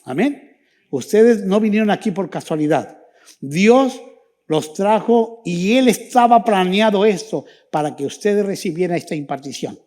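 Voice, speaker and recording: A man's voice: high-pitched, expressive, a little slow. A man preaching a church sermon as pastor, then leading the congregation in fervent prayer. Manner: fervent preaching, rising and dropping to hushed prayer.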